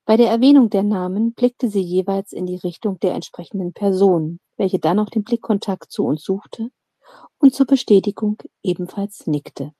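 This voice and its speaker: A woman narrating a fantasy audiobook in a calm, measured storytelling voice. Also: mid-range voice, no room sound. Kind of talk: audiobook reading.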